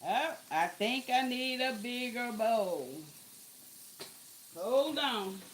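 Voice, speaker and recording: A woman's voice: a little high, animated, extremely slow, slight background noise. A woman chatting casually to her viewers while cooking in her home kitchen. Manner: chatty, talks to viewers as "y'all", exclaims over the food. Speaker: cooking vlogger.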